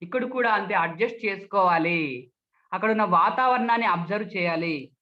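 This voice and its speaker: ఒక పురుషుడు ఉపన్యాస నైపుణ్యాల పాఠం చెబుతూ, ప్రతి భావాన్ని స్వరం, వేగం మార్చి చూపిస్తున్నాడు. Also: male voice, sits high, normal speed. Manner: shifts tone and pace to demonstrate each emotion. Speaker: public speaking trainer. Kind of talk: demonstration lecture with acted examples. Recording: dull lo-fi recording.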